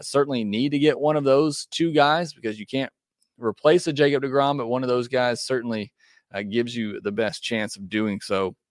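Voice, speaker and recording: A man's voice: medium pitch, no room sound, studio quality. Casual male baseball podcast host. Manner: conversational, opinionated, many fillers. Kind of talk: casual sports talk.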